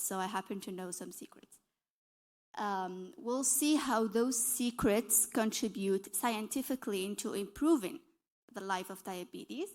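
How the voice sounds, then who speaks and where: A young woman from Algeria giving a conference presentation as a dietitian, explaining earnestly and correcting herself as she goes. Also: medium pitch. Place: conference session hall.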